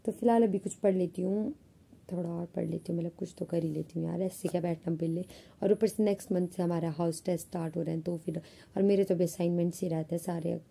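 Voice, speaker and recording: A young woman chatting casually to her vlog viewers, with a naturally husky, slightly rough voice. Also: fairly low pitch, mellow. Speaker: vlogger.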